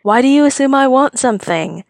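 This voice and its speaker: A woman voicing a cheerful, teasing young man in a higher, brighter voice than her own. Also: steady tone, moderate pace, no echo, clean studio sound, close to an everyday voice.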